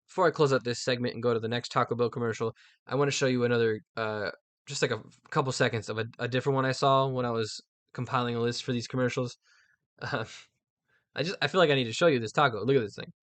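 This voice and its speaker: Male American host, mid-pitched, rambling casual commentary with dry humor, recorded close with no room sound. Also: a bit bright, dry recording. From United States.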